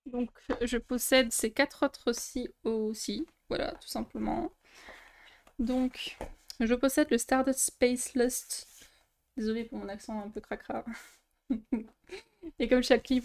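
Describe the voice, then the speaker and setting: Her voice is fairly high yet gravelly, with a darkish tone. A young woman who makes coloring-book videos chats casually in a show-and-tell vlog, presenting her books with lots of fillers and false starts.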